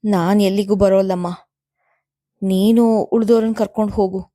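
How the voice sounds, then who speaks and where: A woman reading the lines of an older, devout mother-in-law, firm and quiet. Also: medium pitch, level tone, moderate pace, no room sound, studio quality, close to an everyday voice. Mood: resolute.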